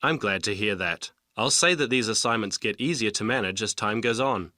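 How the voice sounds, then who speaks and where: A man's voice: on the low side, normal speed, sharp tone, dry recording, studio quality. A man playing a patient university professor who explains things in a stilted, scripted textbook dialogue. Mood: patient, helpful.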